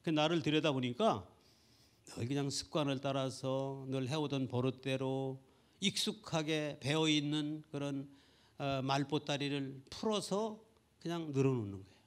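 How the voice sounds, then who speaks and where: A middle-aged male pastor delivers a Sunday church sermon at normal speed in a medium-pitched voice. He earnestly tells a personal story, building up to loud, fervent peaks.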